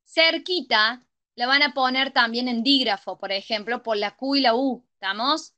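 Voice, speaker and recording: High, bright woman tutor. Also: moderate pace. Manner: checks understanding with frequent ¿sí? and ¿estamos?. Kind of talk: online grammar class.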